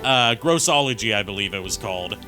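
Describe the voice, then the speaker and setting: A man's voice: lowish voice, animated, a little fast, pushed and bright. A man casually commentating on a live game stream in a crude, jokey, rambling way. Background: faint music.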